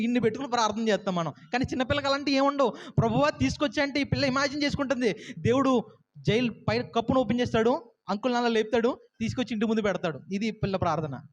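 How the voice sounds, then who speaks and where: A male pastor preaching a sermon and then leading a closing prayer. He retells a story in an animated way and then prays in a soft, earnest tone. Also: very high-pitched.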